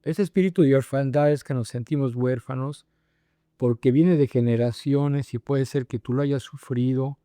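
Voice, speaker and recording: Middle-aged pastor guy, fervent, gravelly warm voice, dry mic. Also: medium pitch, dry recording. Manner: earnest, fervent, with rising prayerful emphasis. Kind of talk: sermon and prayer.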